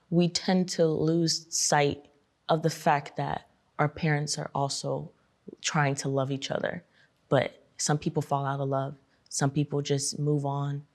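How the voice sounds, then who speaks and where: A young woman talking with her mother about family and divorce, earnest and open, often rushing and then slowing down. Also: low-pitched, darkish tone. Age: young adult. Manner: earnest, speeds up then slows down. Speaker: podcast host, daughter. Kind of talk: emotional family conversation.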